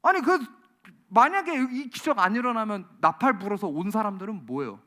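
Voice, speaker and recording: A man's voice: high-pitched, expressive, fairly quick, sharp tone. A man preaching a sermon in a church, firing off exasperated rhetorical questions. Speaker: pastor.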